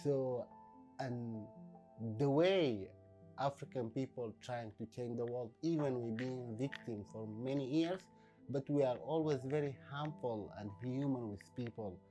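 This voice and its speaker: A man from Sudan, a painter talking in a documentary interview, reflective and halting, with many fillers. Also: medium pitch, warm tone, soft background music, low-quality recording.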